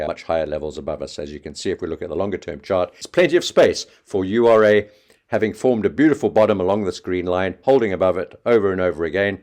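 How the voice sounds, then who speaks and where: A man giving a quick, chatty trading market update, talking fast and offhand. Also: low voice, a little mellow. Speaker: market analyst.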